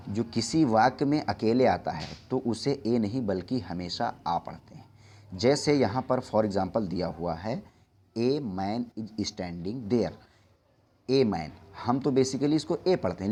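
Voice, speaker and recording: A young man teaching English in Hindi, who patiently repeats reminders, slows down to spell out examples and corrects his own slips as he goes. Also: medium pitch, warm tone. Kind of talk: Hindi-language English lesson.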